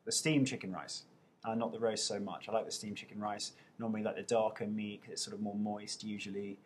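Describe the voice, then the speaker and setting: His fairly low voice moves briskly with fairly even intonation as this actor in his thirties goes through viewer questions at home. He reads each one aloud and answers with self-mocking humor, recorded on a webcam mic.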